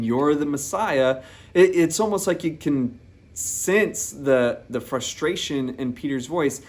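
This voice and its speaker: A man preaching a sermon, reading scripture aloud and explaining it in a conversational way, with frequent restarts and repeated phrases. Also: mid-range voice. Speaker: pastor.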